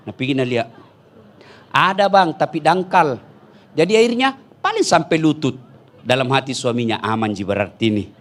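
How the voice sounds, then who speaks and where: A man preaching a lively, humorous sermon, telling stories with bursts of shouting and laughter. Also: high voice.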